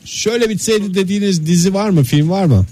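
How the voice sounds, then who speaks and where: A man's voice: high voice, fast, warm tone. A man co-hosting a radio show, taking listener calls politely and joining the jokes.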